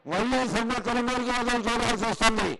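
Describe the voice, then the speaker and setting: చాలా ఎత్తైన గొంతుతో ఆదేశించే ఆలయ ప్రకటనకర్త. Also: male voice, extremely high pitch, fairly even intonation, fast talker, very noisy. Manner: emphatic, commanding, repetitive. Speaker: temple announcer marshalling the crowd. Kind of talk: public announcement with instructions.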